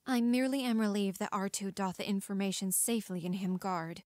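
An actress playing a proud, sharp-tongued young rebel princess, speaking formal archaic verse in an audio drama. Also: female voice, mid-range voice, a little fast, no room sound, clean studio sound, natural voice. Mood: sharp, earnest.

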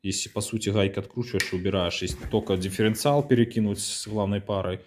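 Male home mechanic, somewhat low voice, halting, filler-heavy garage walkthrough. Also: fairly even intonation, slight background noise. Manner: halting, many fillers and restarts. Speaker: home mechanic showing his build.

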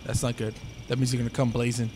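A young man chatting casually during a co-op game, excitable, foul-mouthed and joking. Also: mid-range voice, fast talker, faint music behind. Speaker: video game player. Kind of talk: casual co-op gaming chat. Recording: gunfire and game noise behind voice. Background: video game gunfire.

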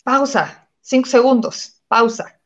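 A woman with a Mexican accent explains things calmly in a relaxed chat. The sound is dull and lo-fi. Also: on the high side, takes it slowly. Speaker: pediatric physiotherapist guest. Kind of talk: casual chat. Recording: dull lo-fi audio.

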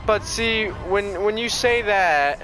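A man's voice: high voice, takes it slowly, music in the background. A man giving casual, joking commentary while playing a video game. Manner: laid-back, joking. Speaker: gameplay streamer.

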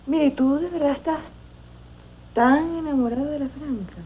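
An actress playing a teasing, sharp-tongued woman with a Venezuelan accent. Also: high-pitched, moderate pace, a little hiss or hum, close to an everyday voice. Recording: dull TV audio with music.

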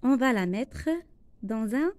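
A woman teacher with a Moroccan accent, going slowly through a worksheet lesson, repeating each phrase and translating it into Arabic. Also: on the high side, lively intonation, darkish tone, no room sound. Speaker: primary school teacher.

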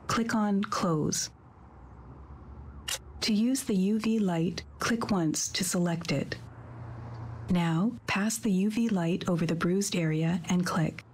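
A woman's voice: mid-range voice, a little mellow, a little hiss or hum. A woman giving scripted tutorial instructions for a video game in a composed, instructional manner. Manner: clear-worded, instructional, composed. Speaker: tutorial narrator.

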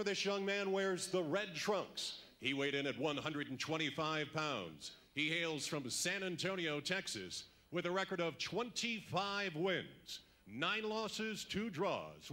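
A man's voice: animated, bright, forceful tone. A man announcing a boxing match from the ring, drawing out the fighters' introductions. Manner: booming, drawn-out introductions. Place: arena ringside.

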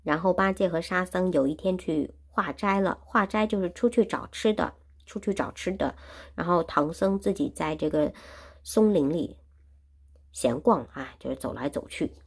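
A woman's voice: lowish voice, normal speed, slightly rough. A woman teaching Chinese who retells a classic story in simple words and repeats and explains each phrase. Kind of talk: storytelling lesson.

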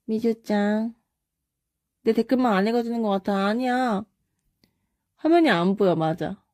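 A woman's voice: on the high side, a little mellow, no room sound, studio quality. Chatty young woman on a phone live stream. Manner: chatty, reads comments aloud, answers quick either-or questions. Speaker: live-stream host reading comments. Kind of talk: casual live-stream chat.

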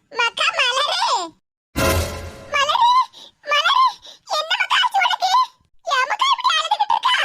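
A woman's voice: very high-pitched, noisy background. A woman voicing an anxious, doting old grandmother who wails and pleads, with a Tirunelveli Tamil accent. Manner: wailing, pleading, shouting. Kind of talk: cartoon voice acting.

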